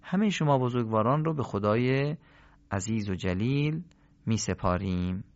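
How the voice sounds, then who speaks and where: A man's voice: on the low side, animated. Male recitation teacher, didactic question-and-answer delivery, lo-fi lesson recording. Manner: didactic, poses questions and answers them, stretches example words. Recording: slightly dull lo-fi recording.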